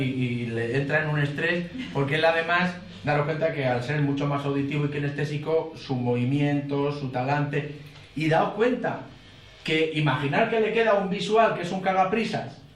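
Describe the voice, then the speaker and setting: A man's voice: on the high side, recorded from a distance. A man teaching a live workshop to a group, explaining points and checking in with frequent tag questions. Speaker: course instructor. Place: lecture room in front of an audience. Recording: roomy amateur recording from afar.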